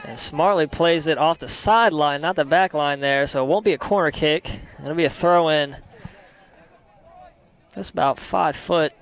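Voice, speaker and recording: A young man calling a live college soccer match play by play, steady between plays and rising sharply on chances. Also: on the high side, normal speed, clear, resonant tone. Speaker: play-by-play commentator.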